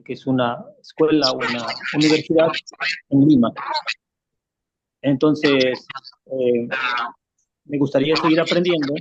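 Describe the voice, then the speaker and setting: A missionary introducing himself in a measured, steady way on a video call. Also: male voice, mid-range voice, dry recording, highs cut off. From Peru. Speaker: missionary student.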